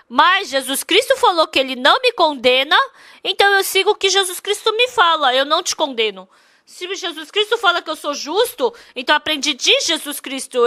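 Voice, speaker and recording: A woman interprets a church sermon in a very high, piercing voice. Her tone is bright and forceful. She hammers each point home with repetition and rhetorical questions. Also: no echo, studio quality.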